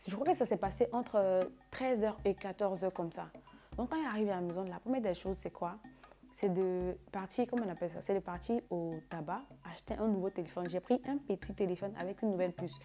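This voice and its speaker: A woman's voice: medium pitch, a little fast. A young woman tells a casual storytime, repeating words and filling gaps with "là" and "genre". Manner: animated, repetitive retelling with fillers like "là" and "genre". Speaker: vlogger. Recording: background music under the voice.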